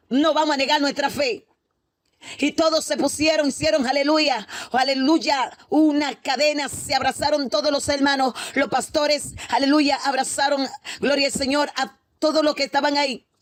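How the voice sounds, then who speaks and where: A woman with a high voice preaches a Pentecostal testimony sermon, recounting a prophetic vision in fervent, repetitive storytelling. She breaks in with exclamations of praise and hallelujahs. The recording is dry and studio quality.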